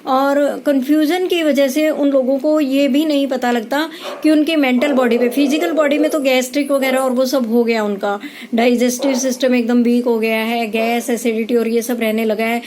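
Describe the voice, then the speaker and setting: A woman giving a calm spiritual explainer talk as a tarot reader, pausing often with hesitations. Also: high-pitched, a crowd in the background.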